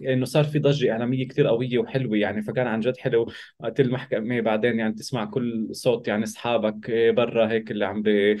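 A man's voice: lowish voice, darkish tone. A man with a Palestinian Levantine Arabic accent, telling a personal story casually as an interview guest. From Palestinian from Israel.

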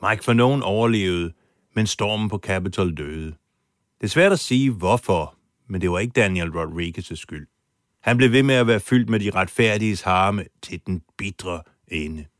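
A man's voice: sits low, lively intonation, no echo, clean studio sound. A man telling a true story as host in scripted documentary narration, acting out the quoted lines with drama. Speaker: podcast host and foreign correspondent.

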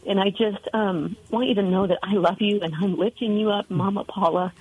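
A woman calling in to a radio show over a telephone line, speaking earnestly and haltingly with many fillers. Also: medium pitch, steady tone, slightly rough. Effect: heard over a telephone line. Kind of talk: heartfelt call-in message. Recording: tinny phone line.

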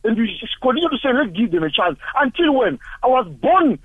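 A Zimbabwean man in his forties calls in to a talk show, firing off repeated rhetorical questions in an impassioned, angry tone. His voice is extremely high, very animated, a little fast and slightly rough. The tinny phone line carries no room sound.

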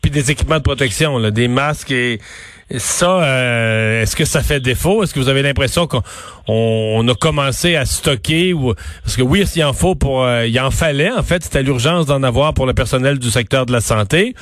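A man's voice: medium pitch, normal speed, fairly bright tone, no room sound, clean studio sound. A man with a Québécois French accent hosting a radio talk show, conversational and hesitant with many fillers. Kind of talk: live radio interview.

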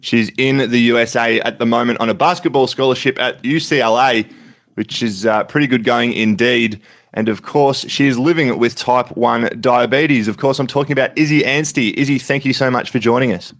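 A man's voice: medium pitch, steady tone, moderate pace, fairly bright tone. An Australian man hosting a podcast interview from home, friendly and chatty, a bit throaty with covid. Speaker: podcast host.

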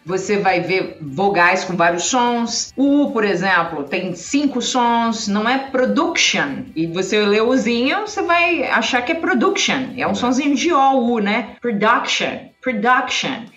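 A woman's voice: mid-range voice, lively intonation, measured pace, few pauses, fairly bright tone. A woman from Brazil, an English teacher, explaining at length in a podcast interview, often adding "né?". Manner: explanatory, frequent tag "né?". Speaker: agro English teacher, guest. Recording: roomy, slightly dull sound with faint music.

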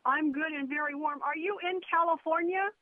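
A woman's voice: high voice, fairly even intonation, fairly quick, no echo. A woman in her sixties, a retired nurse, calling in to a radio show and talking earnestly and devoutly. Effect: calling in over a phone line. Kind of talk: casual chat. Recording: tinny phone line.

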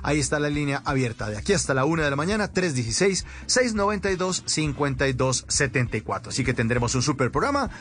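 A man's voice: on the high side, very animated, fast talker, hardly any pauses, fairly bright tone, a little hiss or hum. A man hosting and introducing a live radio show.

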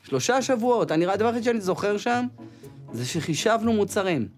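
A man comedian telling comic army stories, mimicking a shouting sergeant. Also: high-pitched, animated, faint music behind. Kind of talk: comic storytelling.

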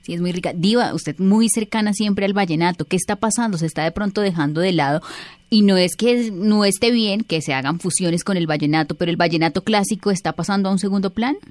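A woman interviewer asking a guest brisk, direct questions in a casual conversation. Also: mid-range voice, darkish tone, no room sound.

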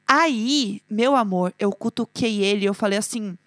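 A woman's voice: medium pitch, normal speed, dry recording. A woman from Brazil with a Brazilian Portuguese accent, telling a story in casual chat, acting out the lines she quotes and laughing often.

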